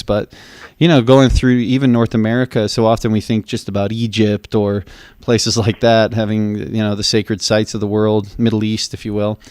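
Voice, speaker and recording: Male podcast host: eager, rambling, restarts a lot, smooth dry close sound. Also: on the low side, darkish tone, dry recording. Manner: enthusiastic, rambling, with frequent restarts. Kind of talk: casual interview talk.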